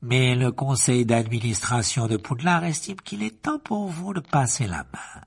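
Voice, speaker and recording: A man voicing a cold, sly aristocrat who speaks softly, slowly and silkily with smug menace. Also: medium pitch, expressive, gravelly, husky, exaggerated voice. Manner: soft-spoken, slow and silky.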